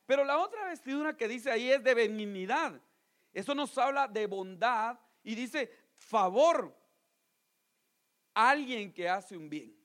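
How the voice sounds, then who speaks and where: A man from Guatemala with a high voice preaches a sermon, shifting between loud, pleading appeals and hushed asides while frequently addressing his listeners as brother.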